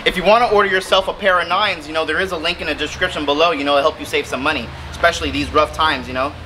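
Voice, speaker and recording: A man in his thirties hosting a fishing vlog outdoors under a bridge by the water, chatting and joking with bursts of excitement. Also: a little high, rapid-fire, background noise. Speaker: fishing channel host. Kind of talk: casual outdoor vlog chat. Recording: background music under the talk. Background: music.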